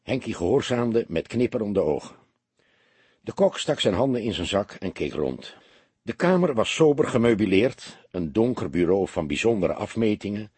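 Husky-voiced male audiobook narrator. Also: on the low side, no room sound. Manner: expressive storytelling.

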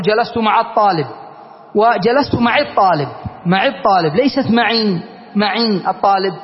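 A man from Yemen gives a classical grammar lesson in a high, light voice. He explains patiently and keeps checking that his students are following. The recording is dull and lo-fi, with long reverb from the hall. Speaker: Islamic scholar teaching grammar.

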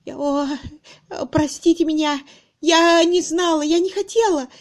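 A woman voicing a timid, hysterical spinster who wails and sobs in an audiobook reading. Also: unhurried. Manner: sobbing, shrill wailing.

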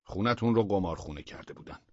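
A man's voice: on the low side, dry recording, muffled recording, lightly acted. A man voicing a smug male police chief in a story reading, speaking in a dry, matter-of-fact way.

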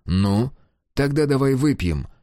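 A man voicing a composed, calculating young male officer who speaks in a formal, measured way. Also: medium pitch, animated, dark tone, no room sound, clean studio sound, voice pushed up, natural voice. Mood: calm.

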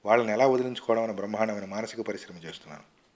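A boastful rich young man from a storybook, chattering in a breezy, careless way, as a man reads him with a low voice. He sounds spoiled and offhand. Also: very fast, a little mellow, natural voice. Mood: flippant.

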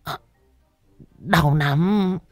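A man's voice: on the high side, very slow, no room sound, faint music behind, pitched above the performer's own voice. A man doing a whiny, groaning old lecher. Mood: whining. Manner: moaning, stammering complaints.

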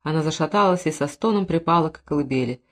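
A woman narrating an audiobook in an even, expressive reading style. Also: sits low, quick pace.

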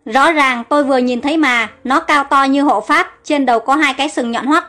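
A woman's voice: high voice, brisk, fairly bright tone, soft background music. Woman voicing a jumpy young handmaid. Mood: alarmed.

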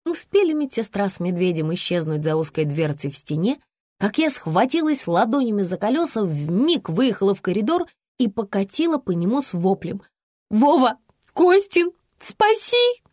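A woman narrates a first-person novel in a brisk, expressive way. Her voice is lively and moves freely up and down, at a mid pitch. The recording is dry and close, with no room sound. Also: dry recording. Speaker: audiobook narrator.

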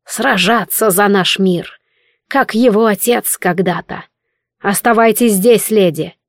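A woman voicing a frightened male archmage in an audiobook, speaking slowly and gravely. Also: mid-range voice, no echo, clean studio sound. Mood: grave warning. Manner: slow, drawn-out, grave delivery.

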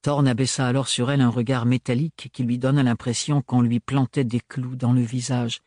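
A man narrating a novel as an audiobook in a measured, even reading. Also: mid-range voice, dry recording, studio quality.

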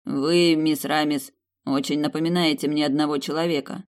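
A cool, mocking young prince from a fantasy audiobook, voiced by a woman. He speaks drily and lightly teases. The voice sits deep and low. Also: fairly even intonation, moderate pace, close to an everyday voice. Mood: cool, wry.

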